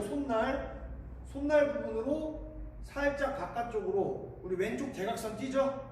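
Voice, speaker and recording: High-pitched male gym coach in echoey room. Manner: gym coach calling out counts and commands. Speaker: boxing coach. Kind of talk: instructional drill-counting and technique explanation. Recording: echoey room, distant mic, faint noise.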